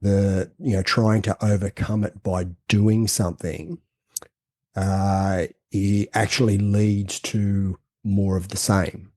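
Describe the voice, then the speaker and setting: Mellow-voiced man explaining, dry close sound. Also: on the low side, little pitch movement, no echo. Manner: halting, many restarts and fillers, explanatory. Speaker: co-host. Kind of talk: casual podcast conversation.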